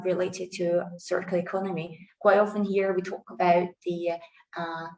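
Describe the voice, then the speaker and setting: A woman hosting an online seminar, introducing guests haltingly with many fillers over a video call. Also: lowish voice, a little mellow. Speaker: seminar host. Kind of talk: webinar introduction. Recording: roomy, distant mic.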